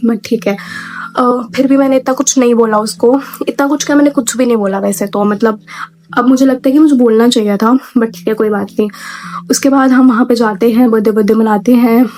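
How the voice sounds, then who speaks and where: A woman's voice: a little high, steady tone, fairly quick, darkish tone. A young woman telling a storytime in a chatty, exasperated way, mixing Hindi with English phrases. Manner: exasperated retelling. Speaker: storytime vlogger. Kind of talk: casual storytime.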